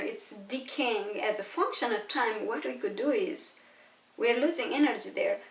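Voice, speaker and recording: A Nepali woman with a Nepali accent and a fairly high voice gives an informal physics lecture. She teaches through questions and frequent little checks for understanding. The mic is distant, and the room is echoey.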